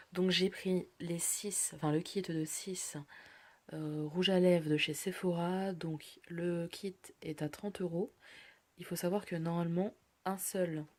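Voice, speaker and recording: Woman showing off a beauty haul, lowish mellow voice, chatty with lots of ums. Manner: chatty, lists prices and products, frequent fillers. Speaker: beauty vlogger. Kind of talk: casual product haul walkthrough.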